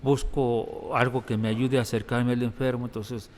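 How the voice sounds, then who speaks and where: Reflective Mexican priest in echoey room. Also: male voice, medium pitch, little pitch movement, moderate pace, darkish tone. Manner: reflective storytelling, repeats words. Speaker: priest and hospital chaplain. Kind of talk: interview testimony. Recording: reverberant room, faint background noise.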